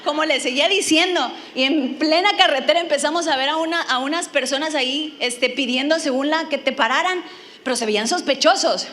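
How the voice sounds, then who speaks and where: A woman's voice: high voice, fairly quick, fairly bright tone, a little hiss or hum. A woman from Mexico, preaching a sermon and telling a funny personal story, acting out her own lines with animation.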